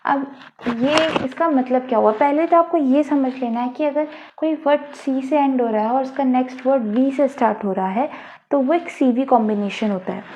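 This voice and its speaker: High-voiced woman teaching French. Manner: explains slowly, repeats each example word, mixes Hindi and English. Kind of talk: online language lesson. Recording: dull lo-fi, faint noise.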